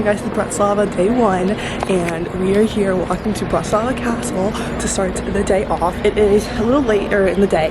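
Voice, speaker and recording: A woman in her twenties chatting upbeat and casually on a travel vlog, full of fillers, filmed walking outdoors. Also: medium pitch. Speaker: travel vlogger. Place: outdoors on city streets. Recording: loud street and traffic noise. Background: traffic and street noise.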